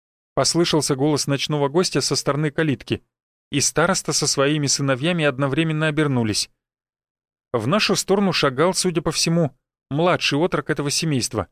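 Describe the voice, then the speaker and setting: A man reading a first-person novel aloud in a steady, even storytelling manner. His voice sits somewhat high for a man and is recorded dry and close, with no room sound. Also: brisk, dry recording. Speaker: audiobook narrator. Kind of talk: scripted first-person narration.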